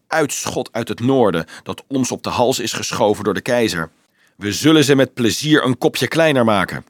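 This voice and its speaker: A man reading a storybook aloud, voicing a hostile medieval peasant leader who shouts scornfully. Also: medium pitch, expressive, normal speed, no room sound, studio quality, natural voice.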